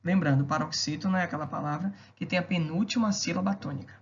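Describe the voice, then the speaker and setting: A woman's voice: fairly low pitch, steady tone, quick pace. A woman teacher giving a recorded grammar video lesson, explaining rules step by step and checking in with rhetorical questions. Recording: dull lo-fi recording.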